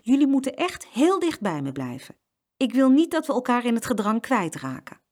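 A woman's voice: on the high side, very animated, voice pushed up. A woman voicing a harried, strict mother of twins who is in a hurry. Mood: stern. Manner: stern, hurried.

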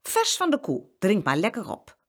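A woman voicing a kind, fussing farm wife who draws out her exclamations slowly in a storybook. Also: medium pitch, huge pitch swings. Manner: slow drawn-out exclamations.

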